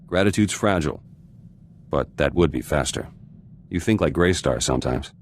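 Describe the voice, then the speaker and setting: This video game character is a cynical ex-resistance fighter turned politician with a very deep, gruff voice. He's animated but calculating and dry, at a moderate pace, clipping his lines into short, blunt phrases. A faint ambient noise lies underneath.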